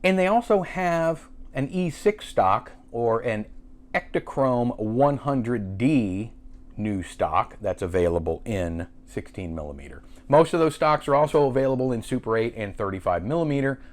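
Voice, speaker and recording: A man's voice: mid-range voice, lively intonation, normal speed. A man hosting a casual filmmaking tutorial, chatty and self-correcting as he demonstrates a camera. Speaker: filmmaking channel host.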